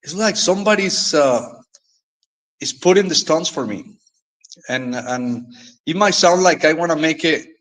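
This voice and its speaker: Earnest man, halting speech. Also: fairly high pitch, lively intonation, a bit bright, poor audio. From Mexico. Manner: halting, earnest, repeats words often. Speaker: guest. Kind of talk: casual storytelling.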